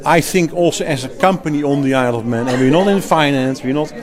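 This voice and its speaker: Amid crowd noise at a busy event, a slightly high-voiced man talks quickly and emphatically in an interview. He is from the Netherlands, has a Dutch accent, and works as a healthcare executive and clinician, often restarting phrases and laughing readily.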